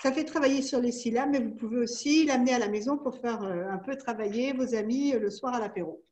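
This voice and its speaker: In a product webinar held over a video call, a woman presents educational games, patiently explaining the rules one step at a time. She talks fast, with a somewhat high, darkish voice.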